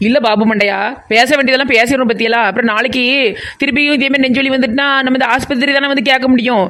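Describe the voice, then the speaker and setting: A woman's voice: high-pitched, fairly even intonation, quick pace, fairly bright tone. A woman voicing a chatty, nosy village woman in a cartoon comedy, with a southern Tamil Nadu accent. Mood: chattering. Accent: southern Tamil Nadu (Kanyakumari–Tirunelveli). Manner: rambling, teasing, talks nonstop.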